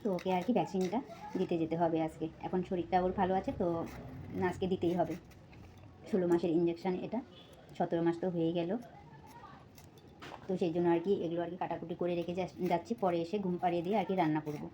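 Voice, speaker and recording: Fast-talking woman vlogging while cooking. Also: fairly low pitch, little pitch movement, dark tone, a little hiss or hum, rough recording. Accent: Bengali. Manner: chatty, many fillers, addresses viewers as friends. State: a little out of breath, talking softly. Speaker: vlogger, mother of two. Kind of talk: casual vlog chat while cooking. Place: home kitchen.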